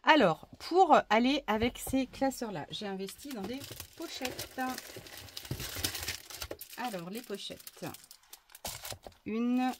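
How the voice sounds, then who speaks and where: A woman talking casually through a crafting haul, chatty and hesitant with many fillers and restarts, often dropping into soft asides. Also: on the high side, expressive, slow, long pauses, background noise. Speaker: crafting vlogger.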